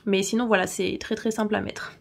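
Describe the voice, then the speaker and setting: A woman hosting a casual tutorial vlog, chatty, laughing often and filling pauses with "euh". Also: medium pitch, little pitch movement, vocal fry. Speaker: channel host.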